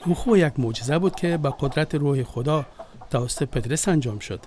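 Brief: actor as a friendly, devout visitor in a radio play, Afghan Dari accent, earnest and higher-pitched. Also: male voice, darkish tone, slight background noise, lightly acted. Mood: storytelling. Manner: earnest storytelling. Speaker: visiting friend who retells a story. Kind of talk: radio drama acting.

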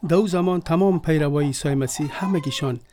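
A man's voice: a little high, dark tone, a little hiss or hum, natural voice. A man with an Afghan Dari accent, acting in a radio drama as a friendly visitor who earnestly retells a story. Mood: storytelling.

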